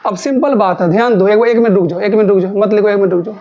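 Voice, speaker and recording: A woman's voice: medium pitch, fast, warm tone, lo-fi sound. A woman maths teacher giving a classroom lesson. She asks questions and answers them herself, repeating key terms again and again to coax her students. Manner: repetitive, coaxing drill of key terms.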